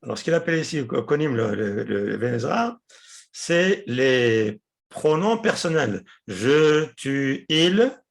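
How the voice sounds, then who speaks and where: A man teaching a class, explaining patiently, repeating words and pausing often with hesitations. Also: mid-range voice, very animated, vocal fry. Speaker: Hebrew teacher.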